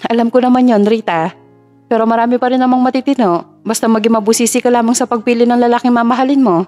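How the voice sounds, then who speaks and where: Woman as a feisty young grad, twenties, sharp-tongued, high voice, soft music underneath. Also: steady tone, quick pace, close to an everyday voice. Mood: earnest. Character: feisty young woman, fresh college graduate.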